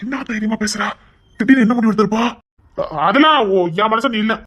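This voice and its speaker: A woman's voice: fairly high pitch, brisk, a bit bright. A woman voicing a proud, brusque husband in an audio drama, speaking in a grumbling, dismissive way. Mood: gruff, dismissive. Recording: dull lo-fi recording.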